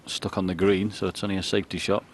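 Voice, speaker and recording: A man's voice: low-pitched, level tone, quick pace. A man giving live co-commentary on a snooker match. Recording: crowd and faint noise behind. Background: snooker arena crowd.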